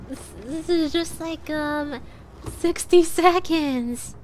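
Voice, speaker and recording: A woman's voice: high-pitched, slow, slight background noise. A young woman streaming a game with a stuffy nose, bubbly and thanking viewers over and over with bits of Japanese. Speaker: livestreamer. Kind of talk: casual gaming livestream.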